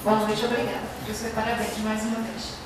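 A woman in the audience giving a measured, formal comment into a handheld mic in a large lecture hall. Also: fairly high pitch, monotone. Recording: echoey hall, distant noisy mic.

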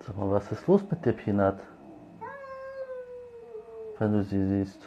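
A man talking casually on a livestream while he feeds and calls to street cats. He scolds one cat loudly and coaxes the others with soft, hushed calls. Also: fairly low pitch, animated, a little slow, lo-fi sound, noisy background. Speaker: street cat caretaker streaming live.

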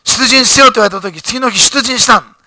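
A man's voice: very high-pitched, brisk, pushed and bright, dry recording. A male pastor giving a sermon, reading scripture aloud and building to fervent, emphatic preaching in a church.

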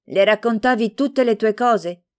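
A woman's voice: fairly high pitch, measured pace, a little mellow, voice pushed up, natural voice. Woman doing a jealous, sulky young girl. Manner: pouting, reproachful questions.

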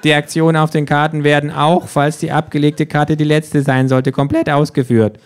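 A man voicing a smug high-pitched talking kangaroo. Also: little pitch movement, moderate pace, close to an everyday voice. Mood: smug lecturing. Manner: smug, lecturing, mocking. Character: cheeky know-it-all talking kangaroo, sardonic. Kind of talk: audiobook-style rules narration.

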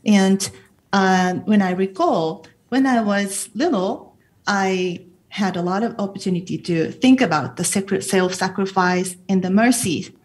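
A woman interprets between English and Japanese at a film festival talk, relaying careful answers full of fillers. Her mid-range voice is slow and has a breathy edge.

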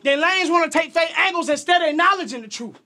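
A man with a Southern US country accent performing aggressive battle rap, shouting his bars at a live event. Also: very high voice, expressive, fast. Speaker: battle rapper.

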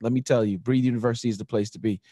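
A man co-hosting a podcast in casual chat, relaxed and slangy, often dropping "you know what I'm saying.". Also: medium pitch, very fast, no echo, clean studio sound. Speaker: podcast co-host.

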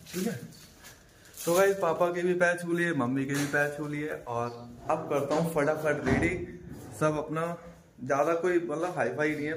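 A young man with a voice on the high side chats casually to viewers in a selfie vlog shot on a phone held at arm's length, with a little hiss or hum. Filming indoors at home and outdoors at a college camp, he keeps checking in by asking "theek hai?"

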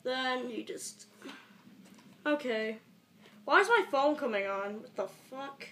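High, bright and forceful, the voice is animated yet slow. It belongs to a young teenage amateur video maker casually rambling, muttering and swearing through an improvised tutorial vlog. A camera mic in a small bedroom yields an echoey, noisy home recording.

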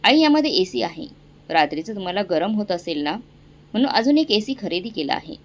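A woman voicing a caring daughter-in-law who gently persuades her in-laws. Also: mid-range voice, big pitch swings, moderate pace. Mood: warm.

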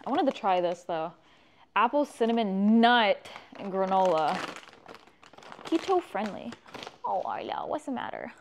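Chatty woman streamer with lively pitch. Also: measured pace, pauses often, a little hiss or hum. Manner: chatty, swears freely, reacts aloud while assembling. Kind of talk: casual livestream chat.

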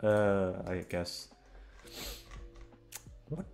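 Over background music, a young man with a low, gravelly, darkish voice chats casually to his listeners, drawing out his words animatedly. He's an audio roleplay voice actor who rambles hesitantly, swears, and puts himself down.

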